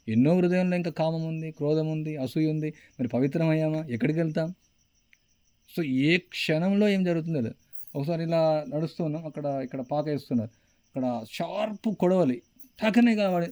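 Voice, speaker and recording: A man with a Telugu accent delivers a devotional lecture, voice pitched a bit high. He tells stories with animation and raises his voice at the dramatic points. The sound is dry and close. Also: no echo. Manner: animated storytelling, voice rises when excited; chants the mantra in a mock-distracted way. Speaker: spiritual teacher.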